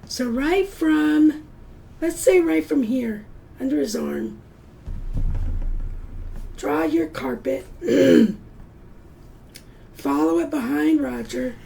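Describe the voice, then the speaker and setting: Middle-aged woman, kids' drawing teacher; unhurried, warm encouragement, high-pitched. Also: vocal fry, low-quality recording. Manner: patient, slow and encouraging, counts aloud. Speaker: art teacher. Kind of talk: step-by-step drawing lesson for children.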